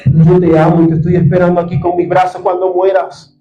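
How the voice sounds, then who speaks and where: Un hombre predicando un sermón con acento venezolano, apasionado, que pasa de hablar bajo a alzar la voz. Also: male voice, sits high, flat delivery, brisk, dull audio. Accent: Venezuelan Spanish. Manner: impassioned, swings from soft to loud. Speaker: preacher. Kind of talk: sermon.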